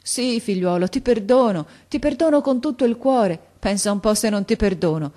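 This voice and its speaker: A woman's voice: medium pitch, expressive, normal speed, dark tone, voice pushed up, close to an everyday voice. A woman doing a trembling old grandmother. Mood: tender. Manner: trembling, pleading. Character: frightened old grandmother, tender and desperate.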